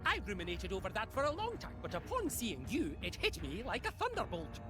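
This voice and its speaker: A woman's voice: medium pitch, wildly swooping pitch, a little fast, over music. A woman playing a mad genius villain in a video game cutscene, gloating theatrically in a mustache-twirling manner. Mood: grandiose boasting.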